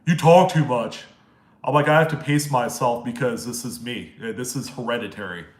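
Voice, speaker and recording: Answering chat questions on a live stream, a Maryland man talks at normal speed in a nasal, mid-pitched voice, friendly and meandering as he reads out viewer names. The recording has a roomy echo to it.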